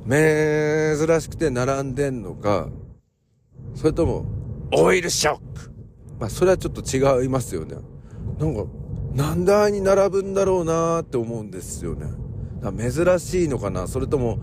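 This is a man hosting a relaxed solo morning podcast, in an easy, rambling way. His pitch is lively and moves around a lot, and he leans on plenty of fillers as he jokes. A faint vehicle noise sits behind him. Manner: chatty, digressive and joking, with many fillers. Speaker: podcast host.

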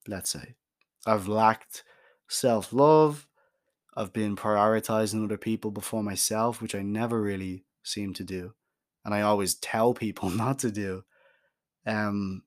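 A young man hosting a candid solo podcast, talking frankly and emphatically, swearing for emphasis, with many restarts. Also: on the low side. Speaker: podcast host.

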